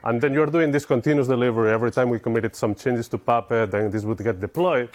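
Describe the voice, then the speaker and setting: A middle-aged man with a Spanish accent talks fast in a medium-pitched, slightly mellow voice. He's a conference speaker giving an informal technical talk in a conference room, explaining things and putting questions to the audience.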